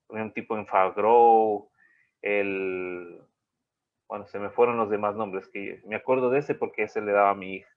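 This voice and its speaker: Male teacher, online lecture, rambling, dull lo-fi call audio. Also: on the low side. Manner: rambling, checks in with "¿sí?". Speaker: college teacher. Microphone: video call.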